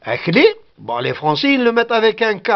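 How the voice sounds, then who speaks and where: A man's voice: high-pitched, big pitch swings, fairly quick, vocal fry, highs cut off. A man whose first language is Kabyle gives a patient spoken lesson, repeating each word and sounding it out. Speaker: language teacher.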